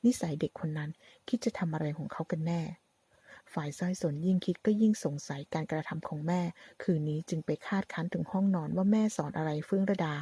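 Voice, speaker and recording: A woman tells a drama story in a steady, even reading. Her voice is husky and mellow, a little low. The sound is dry and close. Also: no room sound. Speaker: narrator.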